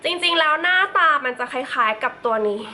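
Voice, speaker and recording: A woman's voice: high-pitched, animated, brisk, sharp tone, a little hiss or hum, poor audio. A young woman chatting casually through a makeup tutorial, with playful asides to her viewers. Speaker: beauty vlogger.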